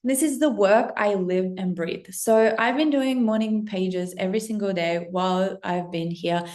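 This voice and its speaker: Speaking at a moderate pace with a medium-pitched, darkish voice, a woman in her thirties from Russia addresses the camera as a spiritual business coach. The monologue is excited and casual, breathless and effusive, full of free swearing and frequent "like"s.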